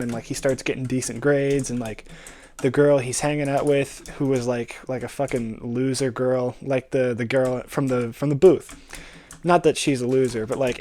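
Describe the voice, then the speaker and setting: A man's voice: medium pitch, dark tone, a little hiss or hum. A young adult man chatting casually, meandering through a story in slangy, sweary language and slipping into bits of acted dialogue. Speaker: storyteller pitching a movie idea. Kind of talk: rambling casual chat.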